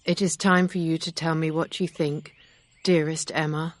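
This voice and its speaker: A woman voicing a calm, sincere gentleman. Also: sits low, moderate pace, no echo, lightly acted.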